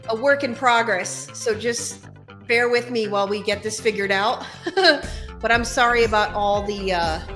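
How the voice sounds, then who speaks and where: A woman with a bright, somewhat high voice talks slowly to her viewers. Her words echo around a bare room, and faint music sits underneath. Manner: slow, deliberate, often checks in with "okay?" and "you guys". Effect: echoey bare room sound. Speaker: online host. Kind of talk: casual direct-to-camera talk. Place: bare room without carpets, indoors.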